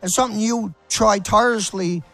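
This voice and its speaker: A man's voice: high-pitched, fairly quick, fairly bright tone, faint music behind. Male talk host, furious and profane, sneering at his targets. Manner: angry, mocking, swears constantly. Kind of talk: profane ranting commentary.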